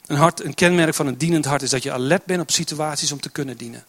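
A man's voice: on the high side, fast, fairly bright tone. A man preaching a sermon in church, pressing his points with emphatic, repeated phrases. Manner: builds to emphatic, repetitive exhortation.

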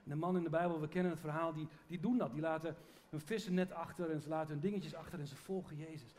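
High-voiced man preaching earnestly. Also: steady tone, quick pace, darkish tone. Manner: earnest, conversational preaching with restarts. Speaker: pastor. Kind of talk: sermon.

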